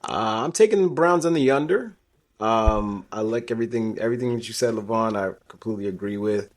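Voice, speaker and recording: A man's voice: lowish voice, fairly quick. A man hosting a casual sports betting podcast, rambling with lots of fillers and restarts. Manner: rambling, filler-heavy, animated when riffing. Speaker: podcast host.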